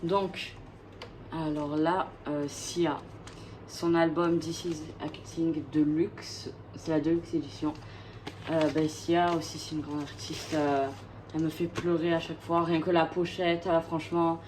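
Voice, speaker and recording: Woman vlogger, lowish voice, casual gushing chat with lots of hesitations. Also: level tone, measured pace, noisy background. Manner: chatty and gushing, full of hesitations. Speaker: vlogger presenting her record collection.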